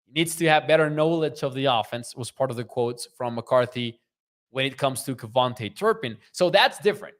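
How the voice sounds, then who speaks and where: A young Mexican man with a Mexican Spanish accent hosts a live sports talk stream like a podcast, reading viewer comments aloud conversationally. His medium-pitched voice is expressive and slightly bright, at a normal speed.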